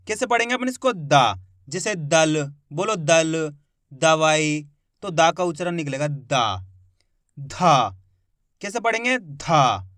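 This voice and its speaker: Brief: male alphabet teacher, higher-pitched, dry close sound, drills each letter and asks if it is clear. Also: a bit bright, no room sound. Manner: slow, drawn-out sounding of each letter, prompting viewers to repeat; asks "clear?" and "which letter is it?" to quiz viewers. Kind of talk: Hindi alphabet lesson.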